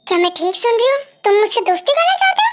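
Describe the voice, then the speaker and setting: A woman voicing a feisty young college girl who scolds in a sharp-tongued way in a voiced story reading. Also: very high voice, fast, soft background music. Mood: defiant.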